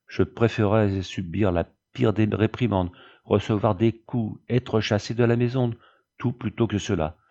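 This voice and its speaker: A man's voice: lowish voice, fairly even intonation, moderate pace, dark tone. A man playing a distraught young man. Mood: anguished. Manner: anguished, pleading refusals. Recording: dull lo-fi audiobook recording.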